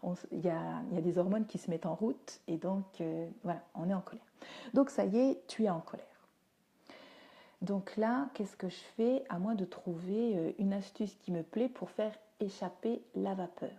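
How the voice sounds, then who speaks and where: A woman's voice: mid-range voice, moderate pace, gravelly, few pauses, warm tone. A woman giving a chatty, down-to-earth live talk, answering viewers' comments as she goes. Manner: chatty and down-to-earth, with frequent fillers. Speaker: teacher and parenting speaker. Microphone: phone or webcam for a livestream.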